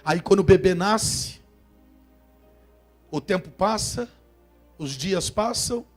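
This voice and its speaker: A man preaching a sermon, trading calls and responses with the congregation and swinging from hushed tones to shouts. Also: high-pitched, animated, takes it slowly, faint music behind. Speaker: pastor.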